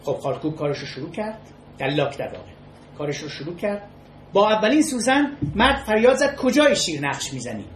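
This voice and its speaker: A mid-pitched lecturer gives a spoken ethics lecture woven with stories, speaking in a measured, halting way. He restates key words and pauses between phrases. The room is echoey with faint noise.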